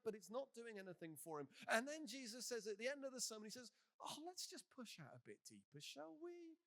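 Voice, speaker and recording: A man, a bishop, preaching a sermon with lively, animated storytelling and humorous asides. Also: sits high. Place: church.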